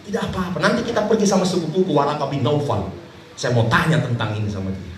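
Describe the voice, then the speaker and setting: A man preaching a sermon, telling a story with lively acted voices and low asides. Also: quick pace, a little hiss or hum. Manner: animated, swings between high acted voices and low asides. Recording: echoey, distant hall recording.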